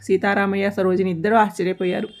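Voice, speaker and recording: A woman's voice: medium pitch, level tone, fast, a little mellow. Woman narrating a family story.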